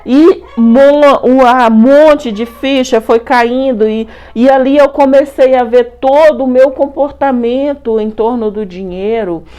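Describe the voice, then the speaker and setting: A middle-aged Brazilian woman telling a personal story to her viewers in a lively, colloquial, repetitive way. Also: high-pitched, slow pace, few pauses. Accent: Brazilian Portuguese. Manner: animated, repetitive, colloquial retelling. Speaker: spiritual channel host.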